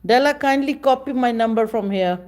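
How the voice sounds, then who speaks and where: A woman, chatting casually with viewers on a livestream in slow, halting speech with many pauses. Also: on the high side, darkish tone. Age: 50s. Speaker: livestream host. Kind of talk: casual live chat with viewers.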